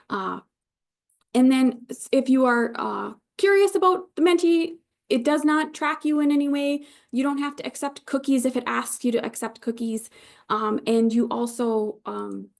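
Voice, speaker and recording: Creaky, higher-voiced woman with a Yooper accent. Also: a little mellow. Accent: Upper Michigan (Yooper). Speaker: trainer leading an online webinar. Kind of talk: informal instructional presentation. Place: live online video session.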